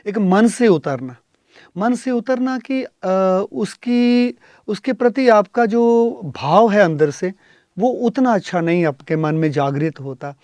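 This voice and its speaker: A middle-aged man, a guest singer in a studio interview, who explains his points thoughtfully and pauses to hesitate often. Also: high voice, animated, a little mellow, dry recording.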